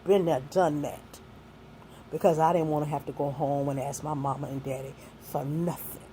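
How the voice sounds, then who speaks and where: A woman in her sixties gives young people hard-won life advice, earnest and folksy, blending faith with street talk. Her low, mellow voice holds a steady tone at normal speed, over a faint hiss of background noise.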